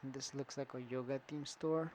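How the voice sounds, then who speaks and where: A man's voice: mid-range voice, fairly even intonation, normal speed, a little mellow, a little hiss or hum, poor audio. A man walking through an online store setup in a casual screen-recorded tutorial, thinking aloud with fillers and restarts. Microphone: computer setup with screen recorder and camera.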